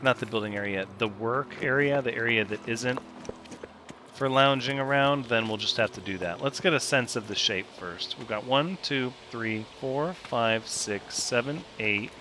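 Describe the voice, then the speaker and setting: Man, gameplay commentator, very bright tone, self-joking, counts aloud, faint game sounds behind. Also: medium pitch, moderate pace, a little hiss or hum. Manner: thinks aloud, counts, jokes with himself.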